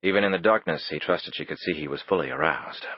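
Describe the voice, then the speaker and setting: Low, husky male narrator, measured scripted reading, dry and muffled recording. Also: no echo. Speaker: audiobook narrator. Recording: dull, dry, lo-fi.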